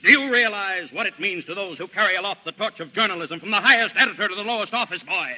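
An actor playing a pompous, excitable newspaper boss in 1930s screwball film comedy, raspy and oratorical. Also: male voice, on the high side, a little fast, exaggerated voice, low-quality recording.

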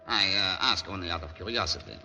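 Cold German naval officer, piercingly sharp delivery, clipped formal English, polite menace, old war drama, reverberant hall. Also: male voice, sits low, quick pace, full character voice. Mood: probing, insistent. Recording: muffled old film sound, reverberant hall, hiss.

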